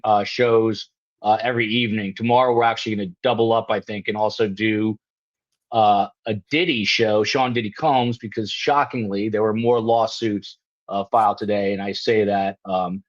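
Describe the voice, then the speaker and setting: A man hosting a live show, talking casually and rambling with lots of ums and you-knows over a video call. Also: fairly low pitch. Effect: video call audio. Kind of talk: casual panel chat on a live stream. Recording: dull lo-fi video call line.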